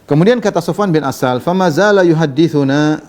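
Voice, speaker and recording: Fast-talking preacher, mellow voice. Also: male voice, on the high side. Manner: reads Arabic text then explains in Indonesian, conversational with fillers. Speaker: Islamic preacher. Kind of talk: sermon commentary on hadith.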